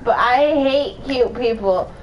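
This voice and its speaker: A woman's voice: on the high side, slow pace, slight background noise, low-quality recording. A woman playfully reading video game dialogue aloud, slipping into put-on voices.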